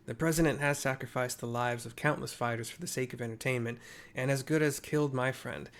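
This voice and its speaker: Man voicing a remorseful champion fighter, measured and earnest, mid-pitched, game read-aloud. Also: steady tone, fairly bright tone, a little hiss or hum, lightly acted. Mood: grave. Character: remorseful male champion wrestler, grave. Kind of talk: reading game dialogue aloud.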